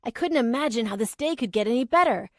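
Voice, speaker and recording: A woman narrating a romance audiobook in a calm, even storytelling manner. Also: a little high, fast talker, dry recording, studio quality. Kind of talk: scripted narration.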